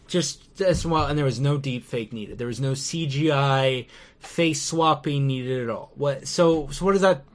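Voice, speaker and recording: A man's voice: medium pitch, unhurried. A man in a casual debate, talking emphatically, repeating himself and cutting in to make his point.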